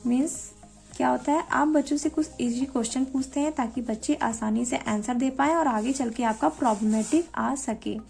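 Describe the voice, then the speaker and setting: A young woman training to teach, walking viewers through a lesson plan in an explanatory tutorial style and reading quoted English lines slowly and deliberately. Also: sits high, creaky, a little mellow, faint music behind. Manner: explanatory, addresses viewers directly. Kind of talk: spoken tutorial walkthrough.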